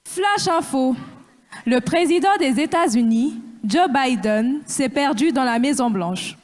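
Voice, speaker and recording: A woman's voice: sits high, expressive, a little mellow, a little hiss or hum. A young woman on stage playing a newsreader who reads out a bulletin. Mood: announcing. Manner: slow, announcing bulletin delivery. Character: young female newsreader giving a flash bulletin.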